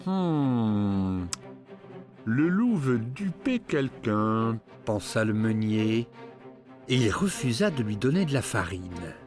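A man narrating a fairy tale with an expressive, rising and falling storytelling manner. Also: medium pitch, slow. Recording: narration over clear music.

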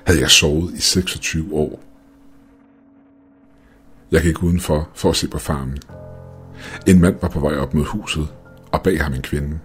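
A man narrating a first-person ghost story in a calm, measured reading. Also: extremely low pitch. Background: faint music.

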